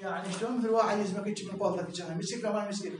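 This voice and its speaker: Iraqi male teacher, high voice, explains patiently and checks for understanding, recorded from a distance. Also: fairly even intonation, rapid-fire, reverberant, slight background noise. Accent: Iraqi Arabic. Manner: explains step by step, keeps checking "clear?" and jokes with students. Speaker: seminary teacher. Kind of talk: classroom lecture.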